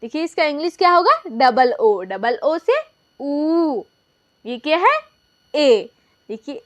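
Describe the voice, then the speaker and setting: A young woman with a high voice teaches a lesson to her viewers. She poses questions and answers them herself, repeating each point so it sticks. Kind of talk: classroom lesson.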